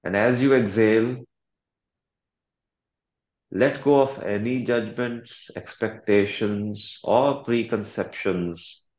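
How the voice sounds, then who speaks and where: A man coaches listeners through a guided meditation, speaking calmly and deliberately with long pauses and soothing instructions. His voice is lowish, and the recording is reverberant and lo-fi.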